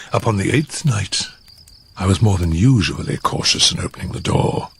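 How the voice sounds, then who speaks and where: A man playing an unhinged, cunning murderer who confesses in dramatic fireside storytelling, with theatrical drawn-out words and a gravelly voice that slips into whispers. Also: a bit bright, heavily acted. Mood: hushed, menacing. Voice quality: low gravelly voice breaking into whispers and high cackles. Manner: theatrical, drawn-out words, sudden swings in pitch and pace. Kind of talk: dramatic fireside storytelling of a gothic horror tale.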